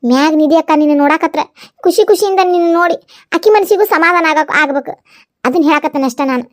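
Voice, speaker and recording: A woman's voice: high-pitched, quick pace, natural voice. A woman voicing a kind, earnest young village woman with a North Karnataka accent in a cartoon comedy, speaking in a consoling, pleading way. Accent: North Karnataka Kannada. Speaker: cartoon voice actor.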